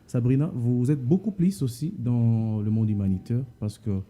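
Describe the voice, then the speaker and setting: A man with a Congolese accent hosting an interview, putting questions in a halting way and repeating words. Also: mid-range voice, mellow. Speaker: interviewer, host.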